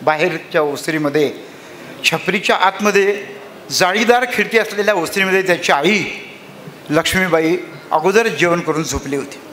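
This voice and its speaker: A man's voice: sits high, normal speed, pushed and bright, a little hiss or hum. A man telling a rural story dramatically at a literary conference.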